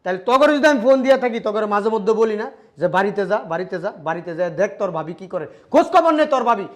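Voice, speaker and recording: Man as suspicious husband, rapid-fire scolding. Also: high-pitched, expressive. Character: suspicious husband back from working abroad. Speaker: husband back from abroad. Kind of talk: melodramatic short-film acting.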